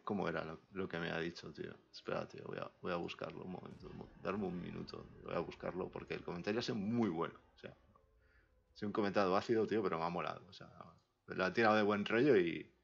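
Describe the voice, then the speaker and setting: Man with a Spain Spanish accent, live game streamer, casual slangy chat, low creaky voice, drifts from the mic. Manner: chatty, slangy, often mutters quietly. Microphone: desk mic, sometimes far from it. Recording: dull lo-fi stream audio.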